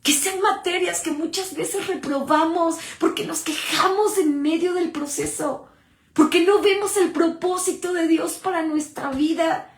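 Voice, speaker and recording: A woman's voice: very high-pitched, steady tone, measured pace. A woman giving a devotional sermon, exhorting her listeners with many rhetorical questions. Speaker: preacher. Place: church. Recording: roomy echo.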